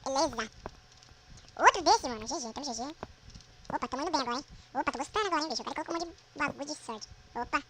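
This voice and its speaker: A woman with a Brazilian accent giving casual gameplay commentary, swearing constantly and yelling at the game. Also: high voice, expressive, racing, long pauses, slight background noise. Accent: Brazilian Portuguese. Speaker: gamer.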